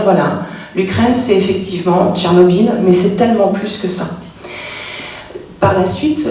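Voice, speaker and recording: Heard from far off in an echoey cultural centre hall, a woman author gives a public literary talk. Her medium-pitched voice is a little mellow, and her delivery is hesitant, packed with fillers and false starts.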